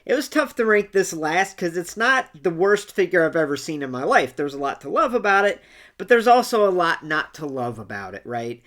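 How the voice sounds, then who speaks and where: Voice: mid-range voice, sing-song, normal speed, a bit bright. A chatty, opinionated video host giving casual commentary on a ranking of collectible toys.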